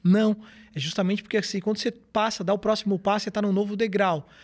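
Male speaker, high voice, animated storyteller. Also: fast talker. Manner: animated storytelling, acts out quoted dialogue. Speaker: guest speaker. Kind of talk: podcast interview.

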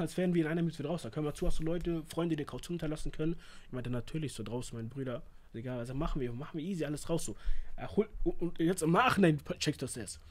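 A young man with telling a real-life story in a casual, animated way, acting out the lines of the people in it. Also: fairly high pitch. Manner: slangy, animated, acts out quoted lines.

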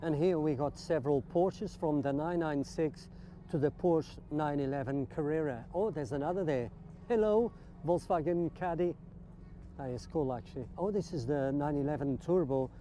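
A man's voice: fairly high pitch, moderate pace, mellow. A man giving casual, enthusiastic walkaround commentary in an outdoor car park, admiring things and asking his viewers questions. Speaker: vlogger touring a car meet.

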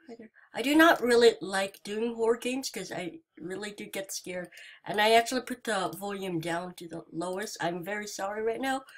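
Woman host for jittery horror let's-play commentary, unhurried delivery, jumps to high sing-song greetings. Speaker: gaming channel host.

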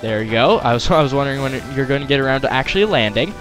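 A man's voice: mid-range voice, expressive, racing. A man hosting a gaming video with casual, playful let's-play commentary. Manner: playful, jokey, puts on voices and noises. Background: faint game music.

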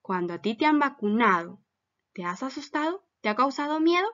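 A woman's voice: high-pitched, big pitch swings, fairly quick, fairly bright tone, muffled recording. A woman teacher giving a recorded lesson for children, patiently asking them many questions.

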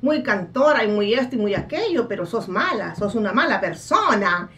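A woman's voice: medium pitch, animated, moderate pace, fairly bright tone, recorded from a distance, lightly acted. A woman playing a brash female psychic who scolds and mocks in a dramatic comic card reading. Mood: scolding. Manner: scolding, dramatic, laughs at her own jabs.

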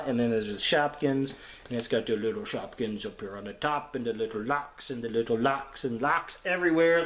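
Chatty man reviewing toys, roomy echo. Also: mid-range voice. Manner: relaxed, rambling with many fillers. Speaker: toy review host. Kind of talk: casual toy review. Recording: echoey room.

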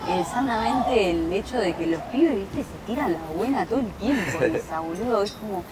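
Seated at an outdoor terrace table, a twenty-something Argentine woman chats as a guest in an animated, medium-pitched voice at a moderate pace, with plenty of fillers and false starts. Her lapel mic picks up a lot of noise.

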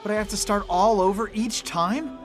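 A man's voice: high voice, moderate pace, over music, close to an everyday voice. A man playing a skeptical teenage boy in a video game, talking in a casual, wry, grumbling way. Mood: puzzled, accepting.

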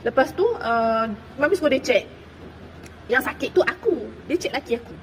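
A woman from Terengganu, Malaysia, telling viewers about a personal experience in a chatty, animated way with many fillers. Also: high-pitched, normal speed, slight background noise, low-quality recording. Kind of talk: casual storytelling to viewers.

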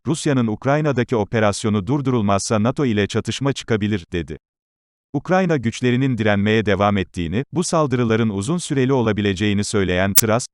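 A man narrates the news in with a fairly deep voice. His delivery is scripted, formal and measured. The sound is very dry, with no room reflections. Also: no room sound.

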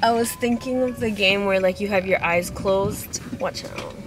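A young woman tells rambling stories in casual chat, her talk full of likes. She is recorded by a dashboard camera inside a car at night, with clear car noise behind her. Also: medium pitch, moderate pace. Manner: rambling storyteller, many likes. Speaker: guest.

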